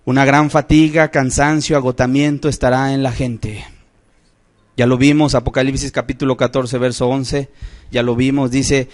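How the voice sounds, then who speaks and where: A man preaching a sermon in church, emphatic, rising to outcries and dropping to low solemn phrases. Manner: addresses listeners as brothers, asks rhetorical questions.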